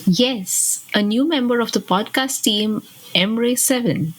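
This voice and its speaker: A woman's voice: on the high side, takes it slowly, slight background noise, poor audio. A woman from India co-hosting a podcast, speaking in an engaged, curious way. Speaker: podcast co-host. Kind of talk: podcast conversation.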